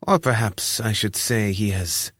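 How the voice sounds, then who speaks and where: Man playing a sly deputy guildmaster, smooth, reassuring, low voice. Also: measured pace, fairly bright tone, dry recording, studio quality.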